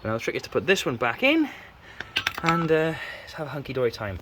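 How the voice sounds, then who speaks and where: A man's voice: a little high, huge pitch swings, fast, noisy background. A man doing a casual, self-deprecating how-to narration while working on his car in a garage. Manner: chatty, self-deprecating, rambling. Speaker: car build vlogger. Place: garage workshop.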